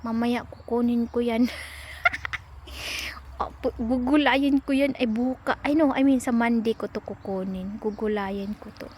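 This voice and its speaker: A woman's voice: a little high, steady tone, normal speed, hardly any pauses, noisy background. A woman from the Philippines chatting casually in a vlog, often talking baby-talk to her cat. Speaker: vlogger.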